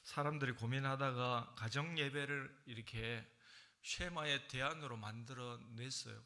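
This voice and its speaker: A middle-aged man with a Gyeongsang accent preaching a sermon in a church, telling stories in a conversational way and acting out what people say in sudden loud, high bursts. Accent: Gyeongsang Korean. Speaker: senior pastor. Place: church sanctuary.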